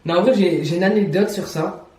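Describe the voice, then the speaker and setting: Chatty young man, slightly high, roomy. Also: brisk, warm tone, recorded from a distance. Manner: chatty, laughs often, repeats phrases, slangy. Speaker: YouTuber reacting to videos. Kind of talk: casual reaction commentary. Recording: roomy echo, voice set back from the mic.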